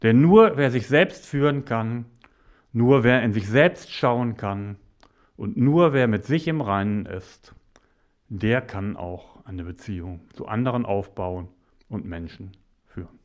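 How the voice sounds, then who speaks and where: A man who works as a mediator and coach gives a motivational talk to the viewer. He speaks deliberately and drops to whispers for emphasis. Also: lowish voice.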